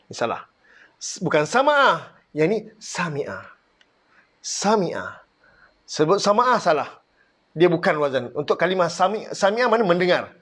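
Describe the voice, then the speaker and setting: A man with a Malaysian Malay accent teaching Quranic Arabic grammar online, drilling words one by one and correcting mistakes. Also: high voice.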